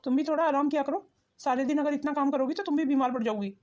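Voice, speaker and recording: A woman's voice: high-pitched, fairly even intonation, fast talker, a little mellow, close to an everyday voice. A woman voicing a sick, weary husband in a cartoon who speaks in a tired, complaining way. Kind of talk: cartoon voice acting.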